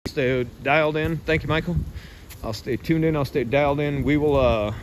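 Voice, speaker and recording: A man's voice: on the high side, normal speed. An American man hosting a casual, rambling live vlog outdoors on a residential street, talking in a blunt, offhand, profane way. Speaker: livestream host. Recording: loud wind and outdoor rustle.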